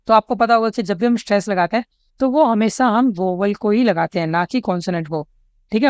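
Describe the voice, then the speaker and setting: A man with an Indian English accent teaching an exam-prep lesson. He reads each English question slowly, then explains it, often checking in with the students. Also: sits high, a little mellow, clear, resonant tone, no echo. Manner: explanatory, keeps checking in with "ठीक है?".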